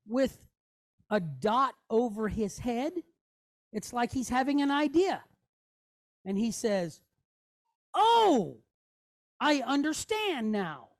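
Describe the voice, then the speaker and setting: Woman teaching a class, high voice that swoops up and down, keeps asking okay?, dry sound. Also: no echo. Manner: animated, folksy, repeats "okay?" often. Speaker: Hebrew teacher. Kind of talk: classroom lesson at a board.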